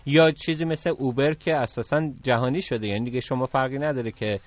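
A man's voice: medium pitch, dry recording. A man from Isfahan giving conversational, explanatory commentary as a technology contributor on a talk show, with some hesitation as he thinks. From Isfahan, Iran.

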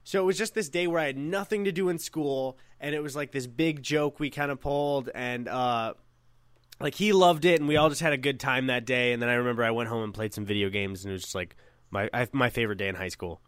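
A man's voice: medium pitch, fast, fairly bright tone, clear, resonant tone, no echo. Rambling young man telling a story. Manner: rambling, self-correcting, swears freely. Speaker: podcast co-host. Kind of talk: casual storytelling chat.

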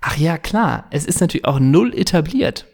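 A man co-hosting a podcast in casual banter, relaxed and chatty, teasing his partner and tagging sentences with little questions. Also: fairly high pitch, moderate pace, vocal fry. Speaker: podcast co-host.

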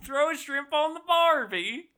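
Woman doing a fake australian accent, loud, hammy, high and bright. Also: animated, a little slow, exaggerated voice.

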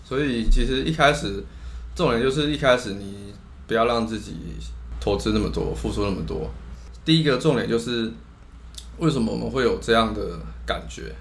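A man's voice: medium pitch, moderate pace, creaky. A man with a Taiwanese accent co-hosting a casual advice chat, often repeating and rephrasing himself. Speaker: co-host. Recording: noticeable background noise.

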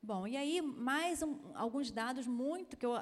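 A woman's voice: high voice, expressive, a little slow. Chatty woman pediatrician in a reverberant hall. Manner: chatty, frequent tag questions, emphatic. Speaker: pediatrician giving a talk. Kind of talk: lecture-style talk with slides.

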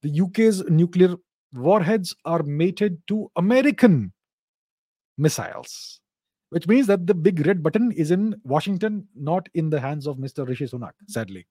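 Casting: male Q&A host, Indian accent, fairly high but soft-toned voice, opinionated and explanatory. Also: lively intonation, normal speed, no room sound, clean studio sound. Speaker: host of a live Q&A show. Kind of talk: informal geopolitical commentary answering viewer questions.

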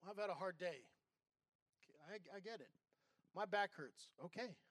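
A man's voice: high voice, expressive, normal speed, fairly bright tone, dry recording. A middle-aged man, an associate pastor, giving a candid, conversational sermon built on personal stories.

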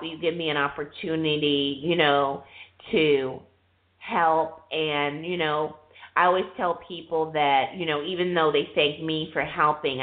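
A woman hosting a call-in radio show, chatting casually in an informal, reassuring way. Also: low voice. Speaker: radio show host taking callers. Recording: tinny phone-line sound.

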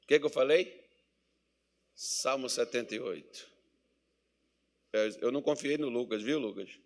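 A Brazilian man preaching a sermon as pastor, swinging between loud exhortation and quiet asides, acting out little dialogues. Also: medium pitch, a little slow. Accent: Brazilian Portuguese. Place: church meeting hall.

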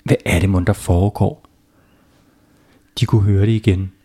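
A man's voice: low voice, steady tone, dark tone. A man, a father, telling a silly bedtime story to children, playful and often asking them questions.

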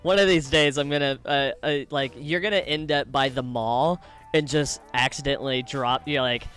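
A man's voice: medium pitch, steady tone, normal speed, fairly bright tone, lightly acted. A man playing a chummy, easily exasperated desert alien scavenger, tipsy and rambling in improvised comedy. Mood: teasing. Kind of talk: improvised comedy role-play.

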